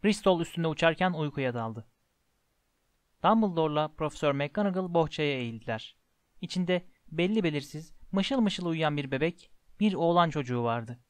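Man, audiobook narrator, fairly high voice, dry close sound, measured. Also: no room sound. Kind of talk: storybook narration.

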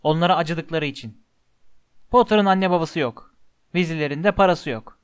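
A man's voice: on the high side, normal speed, clean tone, no room sound, clean studio sound, natural voice. A man voicing a sneering schoolboy bully. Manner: taunting, mocking. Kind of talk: audiobook character voice.

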